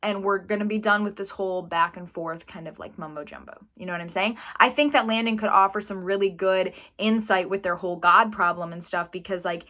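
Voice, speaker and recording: A woman's voice: medium pitch, steady tone, fairly quick, few pauses, sharp tone. A young woman reacting to a TV episode in a chatty, gushing way, full of fillers. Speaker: TV reaction vlogger.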